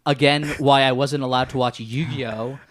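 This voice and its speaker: A man's voice: medium pitch, fairly even intonation, normal speed, fairly bright tone, dry recording. A man co-hosting a movie podcast in casual chat, with dry, wry humor. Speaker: podcast co-host.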